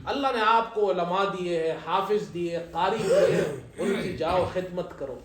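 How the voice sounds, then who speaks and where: A man preaching a sermon as imam, telling light humorous stories and reciting scripture slowly. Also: high voice, crowd noise. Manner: humorous storytelling, slow chanted Arabic recitation. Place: event hall at a ceremony. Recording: echoey hall.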